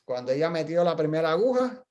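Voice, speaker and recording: The recording is lo-fi, and the man's voice is a little high, darkish, very animated and fast. He's a middle-aged physical therapist talking casually at a journal club, telling stories and explaining with many restarts.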